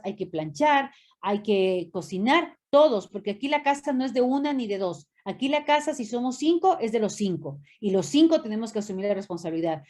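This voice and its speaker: A woman's voice: fairly high pitch, a little mellow. A middle-aged woman giving a lecture in an emphatic way, stacking long repeated lists and acting out short dialogues to make her points. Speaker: lecturer in a course session.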